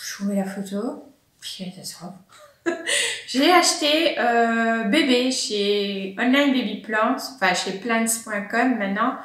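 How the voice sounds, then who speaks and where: A woman's voice: fairly high pitch, a bit bright. Chatty woman vlogger in an echoey room. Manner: chatty, many fillers and laughs. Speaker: plant vlogger. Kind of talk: casual chat to camera. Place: at home.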